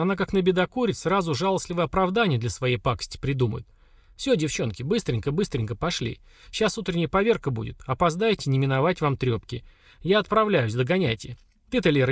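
A man's voice: a little high, breathy edge, no room sound, studio quality, heavily acted. A man voicing a stern, mocking older woman warrior who scolds the girls.

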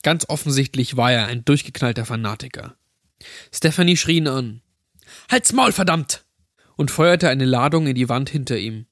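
A man calmly narrating a scripted horror story, recorded close to the mic. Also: medium pitch, moderate pace, no echo.

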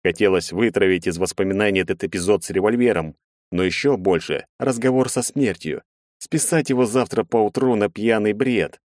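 A man reading a first-person audiobook in a measured, expressive way. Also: on the low side, no room sound, clean studio sound. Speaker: audiobook narrator.

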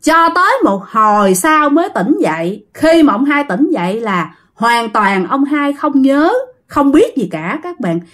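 A woman's voice: high-pitched, sing-song, measured pace, a bit bright. A woman with a Southern Vietnamese accent telling a ghost story in a chatty way, talking straight to her listeners. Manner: addresses listeners directly, chatty. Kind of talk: casual ghost story narration.

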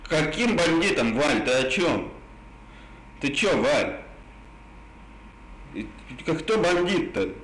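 A man with a slightly high voice wheedles casually over the phone. His r's are burred and indistinct, and he keeps repeating himself insistently. The call is echoey, with faint noise behind it. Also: very animated, slow pace, long pauses, a bit bright. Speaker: prank caller. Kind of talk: casual phone chat, coaxing.

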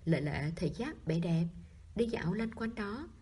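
A woman narrating a novel in a soft reading voice that often drops to a whisper. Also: fairly low pitch, expressive, a little slow, husky. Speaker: audiobook narrator.

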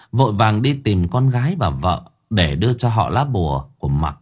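A man's voice: on the low side, darkish tone, husky. A man narrating a horror story in a dramatic storytelling manner. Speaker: audiobook narrator.

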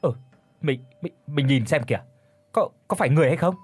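A man's voice: a little high, brisk, darkish tone, slightly rough, dry recording. A man voicing a frightened peasant husband in an audiobook, stammering and panicky. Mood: panicked.

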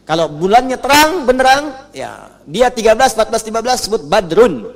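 A man teaching Quran recitation to a live audience, drawing out the Arabic words slowly, then explaining in brisk everyday talk and getting the audience to repeat after him. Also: high-pitched, very animated. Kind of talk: religious lesson. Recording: reverberant hall.

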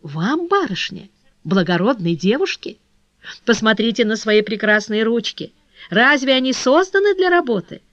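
A woman's voice: fairly high pitch, normal speed, no room sound. A woman voicing an eager, breathless young flower girl. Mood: coaxing. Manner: excited, pleading, breathless exclamations. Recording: dull dry lo-fi recording.

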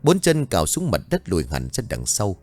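A man telling a horror story in expressive, scripted narration. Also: on the low side, fairly quick, soft background music.

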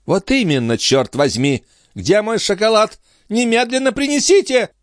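A man reading an audiobook, voicing a haughty, hot-tempered royal favourite in a shrill, imperious voice. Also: expressive, no room sound, studio quality. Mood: furious. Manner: shrill, imperious, quick to anger.

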